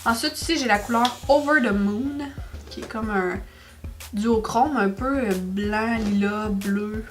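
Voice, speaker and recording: A young woman with a Québécois French accent, chatting excitedly through a makeup haul in a casual vlog. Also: mid-range voice, a little slow, faint music behind. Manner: chatty, excitable, exclaims over products. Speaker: beauty vlogger.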